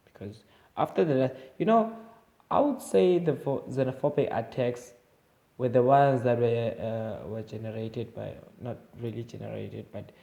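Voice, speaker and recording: A man's voice: medium pitch, moderate pace, vocal fry, dark tone. A young South African man with an Eastern Cape accent, giving his opinions in a casual, rambling vlog monologue full of fillers and restarts. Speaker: vlogger.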